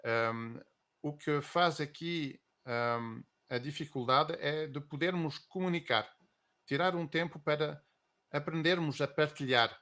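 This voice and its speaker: Guy, unhurried, lots of ahm and eh, thinking out loud in an interview. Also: fairly high pitch. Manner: reflective, hesitant with many drawn-out fillers. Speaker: guest. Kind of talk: conversational interview answers.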